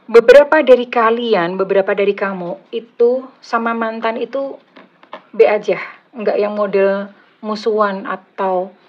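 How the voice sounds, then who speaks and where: A woman with an Indonesian accent and a slightly husky voice, doing a casual, chatty tarot reading for her viewers, teasing and joking as she goes. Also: medium pitch, fairly even intonation, a little slow. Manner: chatty, teasing, laughs at own jokes. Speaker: tarot reader. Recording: slightly dull lo-fi audio.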